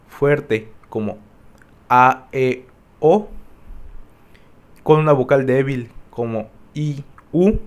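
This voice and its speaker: A young man presents spelling rules in a class presentation. He talks at an unhurried pace, reading steadily and pausing now and then on a filler. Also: mid-range voice. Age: young adult. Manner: reads explanations steadily, with occasional fillers. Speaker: student presenter.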